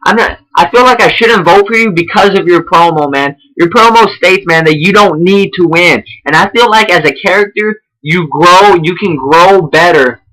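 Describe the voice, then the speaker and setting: Young man, bright voice, rambling casual feedback host, swears a lot. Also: high voice, normal speed, few pauses, low-quality recording. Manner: rambling, profane, many restarts and fillers. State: out of breath. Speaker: online wrestling roleplay host giving feedback.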